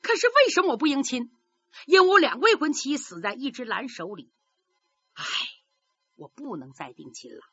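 A woman's voice: high-pitched, big pitch swings, moderate pace, long pauses, a bit bright, breathy edge, no room sound, highs cut off, exaggerated voice. A woman voicing a loyal, earnest young male hero explaining himself with sorrow.

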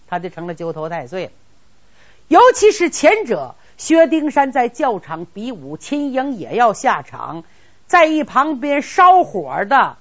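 Dramatic woman storyteller, lively swings. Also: sits high. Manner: dramatic, rhythmic, wide swings between loud and hushed. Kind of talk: traditional storytelling performance. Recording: dull lo-fi recording.

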